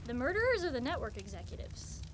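A woman voicing a friendly, eager young male demon in an animated short, chatty and stammering when flustered. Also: high voice, fast, a little hiss or hum. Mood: curious.

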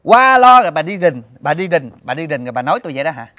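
A defensive, flustered friend in a comedy sketch. His high voice swings up and down as he pleads and protests, recorded dry and close. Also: sing-song, quick pace, bright, forceful tone, no room sound.

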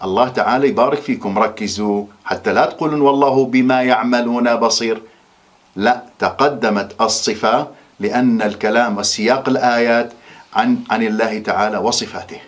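A man giving a Quran memorization lesson, slowing down and stressing key words when he quotes verses. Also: on the low side. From Iraq. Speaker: Quran teacher. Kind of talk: recorded religious lesson.

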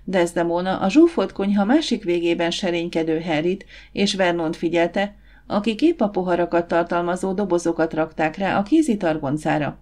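A woman narrating an audiobook in a measured, even reading. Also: lowish voice. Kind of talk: scripted narration.

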